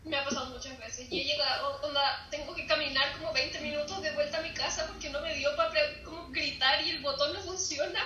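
A woman's voice: sits high, steady tone, a little fast, few pauses, sharp tone, reverberant, highs cut off, slight background noise. A young woman with a Chilean accent chatting casually and laughing through her stories. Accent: Chilean Spanish. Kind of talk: casual chat.

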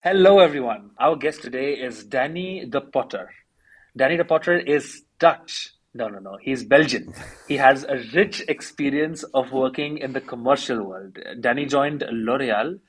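A man co-hosting a podcast, introducing the guest in a friendly, brisk way. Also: mid-range voice, husky, rough recording. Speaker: podcast co-host.

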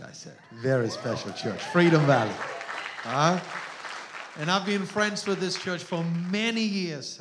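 In a church hall, a guest missionary delivers a sermon, joking with the congregation and calling out to them. He's a middle-aged man with an Austrian German accent, and his fairly high, slightly bright voice has vocal fry, with a little background noise present.

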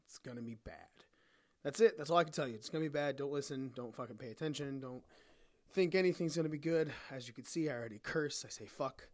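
Man podcast host, cursing rant, rambling, slightly sick, somewhat high voice. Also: quick pace, a little mellow. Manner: profane, blunt, rambling. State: a little sick. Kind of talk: casual monologue rant.

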